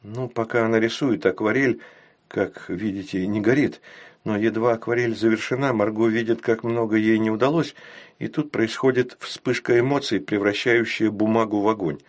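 A clever young woman explains things in a dry, matter-of-fact manner, read out by a male narrator in his own low voice. There is little put-on pitch in it. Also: steady tone, normal speed, natural voice. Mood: explaining.

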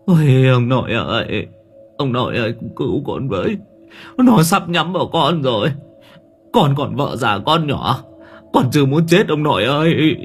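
A man's voice: extremely low pitch, animated, a little slow, pitched below the performer's own voice. A man voicing a timid, frightened middle-aged husband who whimpers and stammers. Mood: terrified wailing. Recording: faint background music.

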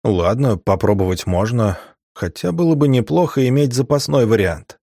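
A man's voice: medium pitch, expressive, vocal fry, mellow, breathy edge, no echo, pitched above the performer's own voice. Man reading a wry, cautious male mage. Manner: measured and dry, close to the reader's own voice.

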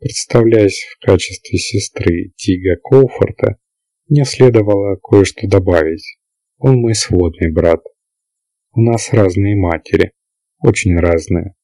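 Calm, self-assured young alien woman as voiced by a male reader; dry close sound. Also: fairly low pitch, a little slow, dry recording, rough recording. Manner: calm, even explaining. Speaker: character in an audiobook. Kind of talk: audiobook character reading.

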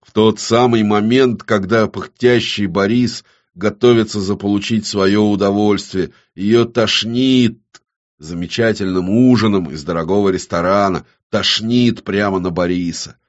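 A man with a lowish voice reads an audiobook aloud, keeping his delivery measured and intimate. The recording sounds muffled and lo-fi, with the top end dulled. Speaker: audiobook narrator. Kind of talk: scripted audiobook narration.

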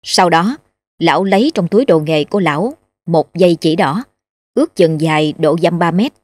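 A woman narrating a ghost story in a steady, measured way. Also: fairly low pitch, no echo.

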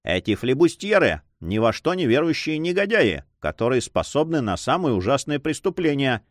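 A man's voice: medium pitch, big pitch swings, normal speed, no echo, studio quality, voice pushed up, close to an everyday voice. A man voicing a stern, contemptuous Spanish landowner in an audiobook.

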